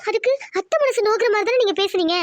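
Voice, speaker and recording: A woman's voice: very high-pitched, rapid-fire, no echo. A woman voicing a meek young village wife who pleads politely and tearfully with her husband.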